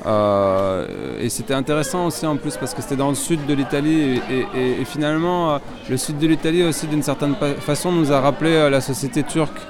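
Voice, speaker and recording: Outdoors, against a loud crowd and background music, a French filmmaker responds to interview questions. His fairly high voice is brisk with hardly any pauses, yet he hesitates, filling gaps and restarting often.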